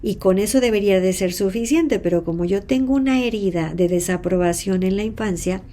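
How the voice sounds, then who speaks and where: A woman's voice: medium pitch, fairly quick, warm tone, slight background noise. A Mexican woman teaching self-help, telling stories expressively, acting out the people she quotes and sometimes dropping to a whisper. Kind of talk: teaching talk with role-played examples.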